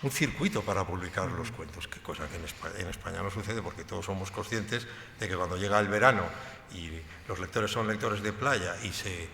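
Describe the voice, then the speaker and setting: Gravelly low male writer on a panel. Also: fairly quick, pushed and bright, slight background noise. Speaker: panelist, short story writer. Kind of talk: panel discussion. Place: large hall at a book fair. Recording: roomy hall with long reverb.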